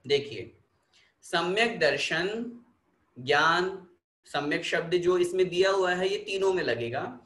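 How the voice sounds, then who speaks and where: A man teaching a scripture lesson, explaining slowly and leading recitation of verses. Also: high-pitched, animated, reverberant. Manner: slow, explanatory, leads chanting of verses. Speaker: religious teacher.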